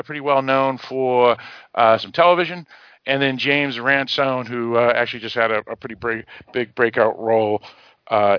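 A man with a Boston accent hosting an informal film discussion, speaking haltingly with frequent hesitations and filler sounds. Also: mid-range voice, no echo. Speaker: film podcast host. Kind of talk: informal film discussion, semi-prepared introduction. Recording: dull, lo-fi audio.

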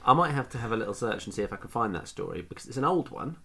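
Fast-talking British man with gravelly voice. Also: mid-range voice, very animated, bright, forceful tone. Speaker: podcast co-host. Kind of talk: casual banter and anecdotes.

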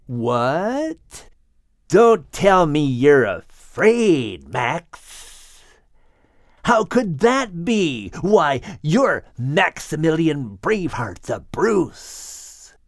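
A man voicing a sly, menacing male snake villain in a storybook, speaking in a slow, silky, mocking drawl. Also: fairly high pitch, big pitch swings, dry recording, studio quality, exaggerated voice. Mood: taunting. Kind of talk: storybook character voice.

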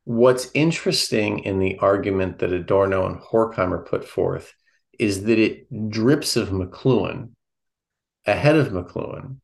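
Low-voiced man thinking aloud. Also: creaky. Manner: halting, restarts often while thinking aloud. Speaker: podcast co-host. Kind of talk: casual philosophy discussion.

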